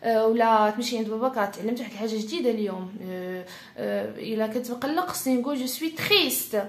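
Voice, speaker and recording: A woman's voice: fairly high pitch, darkish tone. Moroccan woman teaching in a roomy space. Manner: repeats key phrases slowly, checks in often with "d'accord?". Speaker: French teacher. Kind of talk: classroom-style language lesson. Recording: roomy echo.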